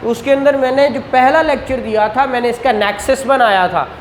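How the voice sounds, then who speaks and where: His pitch is extremely high and his speed normal as this man from Pakistan lectures on law. He raises questions only to answer them, sprinkling in English legal terms, and the whiteboard room adds a roomy echo plus faint background noise.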